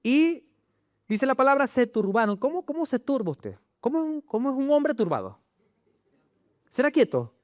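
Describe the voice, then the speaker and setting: A male pastor delivers an animated sermon, firing rhetorical questions at his congregation. His voice sits high and swings widely in pitch. The sound is dry and close. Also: moderate pace, no echo. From Chile. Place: church.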